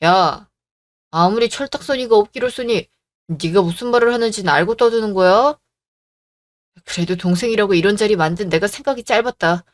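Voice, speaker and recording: A man's voice: high voice, fairly quick, lightly acted. A performer voicing an angry older brother who scolds his sister to defend his wife, in a radio drama. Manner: stern, scolding.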